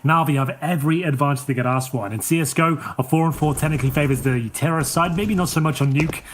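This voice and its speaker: A man delivers live play-by-play for a competitive shooter match, firing off lines at a brisk clip in a slightly raised voice. He sounds excitable and quick to react as the action turns. Steady background noise and mouse clicks sit under his headset mic. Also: fairly high pitch. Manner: rapid, excitable calling of the action. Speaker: play-by-play caster. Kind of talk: live esports play-by-play commentary.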